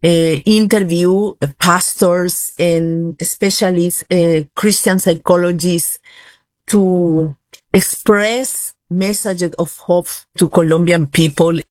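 A woman speaking as a live interpreter, translating an interview in a halting way with fillers and restarts. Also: lowish voice, fairly even intonation, darkish tone, dry recording.

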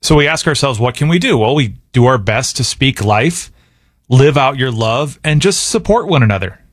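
A man's voice: mid-range voice, lively intonation, moderate pace, no room sound, clean studio sound. A man speaking as a radio DJ, delivering a scripted inspirational message in an encouraging way.

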